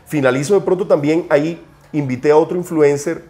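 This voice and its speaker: A man's voice: on the high side, fairly quick, mellow. A Colombian man, a cigar producer, talking as an interview guest with a hesitant delivery and many repeated words. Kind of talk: conversational interview.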